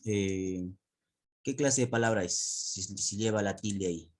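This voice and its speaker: A man's voice: on the low side, a little slow. A man teacher explaining to a class over a video call, often repeating words, restarting phrases and asking questions.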